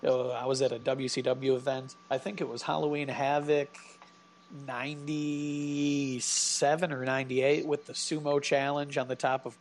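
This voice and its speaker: A man's voice: mid-range voice, slight background noise. A man co-hosting a podcast, chatting casually and telling rambling stories with laughs. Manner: rambling storyteller, laughs often. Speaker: podcast co-host. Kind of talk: casual chat.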